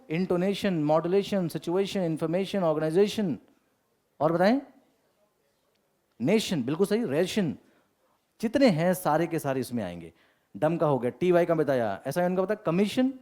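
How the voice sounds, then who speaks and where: A man's voice: a little high, a little mellow. A male English teacher giving a classroom lecture, mixing Hindi and English and asking the class rhetorical questions.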